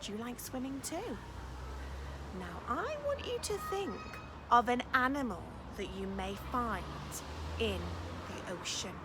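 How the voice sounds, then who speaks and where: A female teacher reads a storybook aloud to young children, expressive and encouraging, adding dramatic emphasis and chatty questions for her listeners. Her voice sits on the high side and moves at a measured pace, with background noise present.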